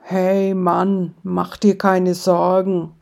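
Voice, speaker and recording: A woman voicing a calm, know-it-all man at a bar who explains things with mock wisdom. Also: lowish voice, extremely slow, gravelly, exaggerated voice. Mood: wise. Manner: soothing, mock-wise.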